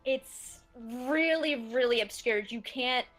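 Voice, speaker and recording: A woman's voice: on the high side, fairly bright tone, faint music behind, rough recording. A woman narrating a tabletop game as game master, describing scenes with frequent fillers. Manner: unhurried, descriptive, many fillers.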